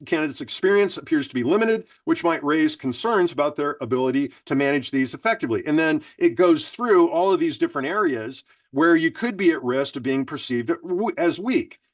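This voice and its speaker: A man's voice: on the high side, animated, fairly quick, hardly any pauses, no room sound, far from the mic. A man presenting a webinar, casually explaining and reading prompts aloud. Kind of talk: instructional webinar talk.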